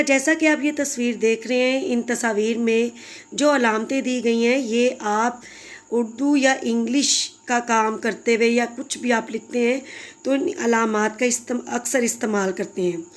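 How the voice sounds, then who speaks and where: Patient woman teaching a grammar lesson. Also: a little high. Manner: patient, explanatory, addresses pupils fondly. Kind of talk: recorded grammar lesson for children.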